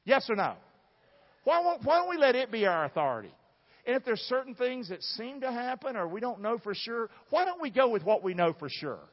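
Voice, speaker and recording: With a very high, very animated voice and a slightly fast pace, a Southern American man from the southern United States preaches emphatically and folksily. He keeps putting questions to the congregation. The large church room produces a dull, reverberant hall sound.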